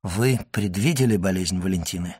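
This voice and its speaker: A man voicing a grave, hushed doctor. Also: moderate pace, breathy edge, no echo, clean studio sound. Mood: hushed probing. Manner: low, hushed, urgent questioning. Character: grave, probing male doctor questioning an old man.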